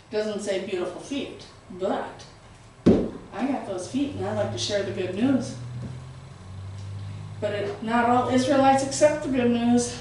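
A middle-aged woman preaches a sermon in a small church, her strong, somewhat high voice carrying loudly as she speaks with animation and gestures. With no microphone, she is recorded by a camera across the room, so the sound is distant and very echoey, over a faint hiss.

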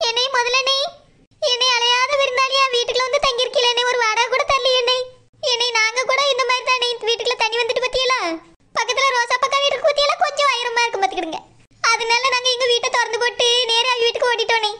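A woman's voice: very high-pitched, flat delivery, quick pace, pushed and bright. A woman voicing a timid village woman with a Kanyakumari Tamil accent who pleads and whines to get her chain back. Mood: pleading. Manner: pleading, whiny, tearful. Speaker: cartoon voice artist.

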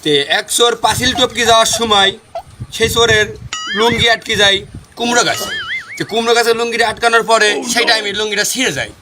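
A man's voice: extremely high pitch, little pitch movement, quick pace, background noise. A man with a western Bangladeshi accent from the Chuadanga area playing a mock-serious, repetitive parody news anchor. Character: parody village TV news anchor, absurdly solemn.

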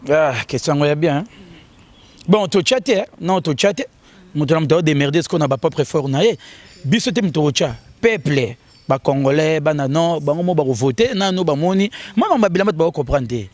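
A man giving an animated, casual interview, his voice jumping higher when he gets excited. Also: moderate pace. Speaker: interview guest. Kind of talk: casual interview talk in Lingala and French.

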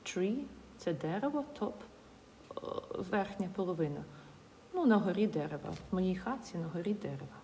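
A woman teacher walks through grammar one word at a time, patiently repeating each example. Her voice sits a little low and sounds soft and mellow. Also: lively intonation, moderate pace, slight background noise. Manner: patient, spells out and repeats words step by step. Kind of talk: explaining English grammar in a lesson.

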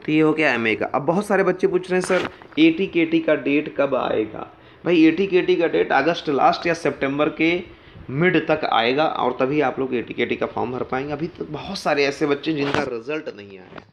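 A man's voice: on the high side, a little fast, slight background noise. A man, talking casually to viewers as he explains education news and reads out news excerpts. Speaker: education news video host.

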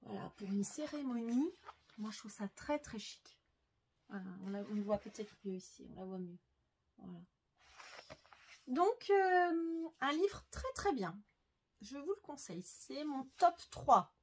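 A woman's voice: fairly high pitch, expressive, unhurried, pauses often, slight background noise. Chatty, enthusiastic woman sewing vlogger. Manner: chatty, enthusiastic, with frequent fillers and self-corrections. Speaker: sewing YouTuber. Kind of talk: casual book review vlog.

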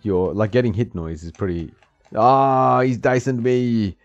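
A man in his thirties streams gameplay from home, joking casually, laughing often and talking to the screen. His medium-pitched voice is steady and unhurried, and the slightly dull, dry recording includes game music.

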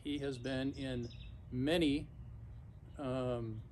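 A man in his fifties or sixties talks casually and unscripted to a camera a few feet away, reflective and halting, pausing mid-sentence. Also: mid-range voice, steady tone, darkish tone. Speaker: vlogger. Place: backyard patio outdoors, sitting in an ice bath. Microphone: camera or phone a few feet away. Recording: outdoor noise, camera some feet away. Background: clear outdoor ambient noise.

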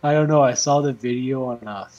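A man co-hosting a podcast in casual chat, playful, silly and animated. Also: medium pitch, a little fast, muffled recording. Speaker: podcast co-host.

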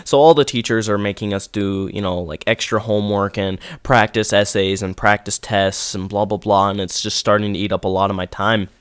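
Teen male gamer, congested sore-throat voice, lowish and smooth, dry close sound, subdued rambling delivery. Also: steady tone, a little fast, hardly any pauses, no room sound. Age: teens. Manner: subdued, rambling, many fillers. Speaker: gaming video creator. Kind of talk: casual talk to camera over gameplay.

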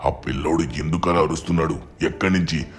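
A man voicing a calm, dutiful police inspector who reassures a child in a game machinima story. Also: very deep voice, fast talker. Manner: reassuring, steady.

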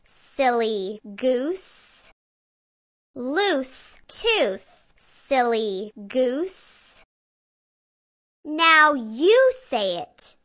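A woman voicing an excitable young cartoon magician who guides children in a learning game with slow, emphatic enunciation. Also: sits high, exaggerated voice. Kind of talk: animated instruction for early readers.

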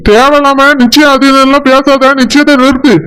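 A high-voiced cartoon village husband played by a voice actor, gentle and worried. He soothes and pleads in a Tirunelveli Tamil accent. His tone stays anxious and earnest. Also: flat delivery, brisk, rough recording. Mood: pleading.

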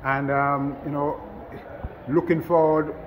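A man's voice: fairly high pitch, level tone, slow, in a large hall, noisy background. A man interviewing a football coach after a match, asking short, upbeat questions. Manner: brief, upbeat prompting questions. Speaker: sports show interviewer.

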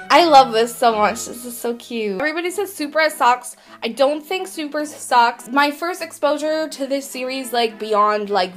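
Excitable swearing young-sounding woman vlogger. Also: sits high. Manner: excitable, swears a lot, says "like" constantly. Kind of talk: casual unboxing chat.

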